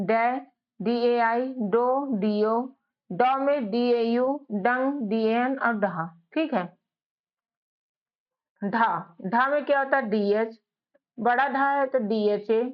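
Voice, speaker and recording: A woman teaching English spelling to beginners, drilling sounds letter by letter and often asking and answering her own questions. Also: on the high side. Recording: dull lo-fi audio.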